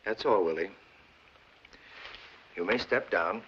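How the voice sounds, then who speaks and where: An actor playing a courtroom attorney who questions a witness in a measured, coaxing way, in a 1940s film drama. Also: male voice, on the low side, breathy edge. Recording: dull old film soundtrack.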